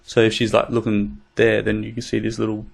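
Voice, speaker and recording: A podcast co-host chats casually in a laid-back, rambling way, swearing and using plenty of fillers. His voice sits on the low side, with vocal fry and a completely flat delivery, and he talks briskly.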